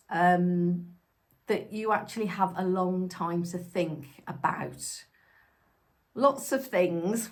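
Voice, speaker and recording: A woman in her fifties talking to camera in a chatty, reflective way, with ums, her voice still recovering after an illness. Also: fairly low pitch. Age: 50s. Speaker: lifestyle vlogger. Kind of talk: casual direct-to-camera talk.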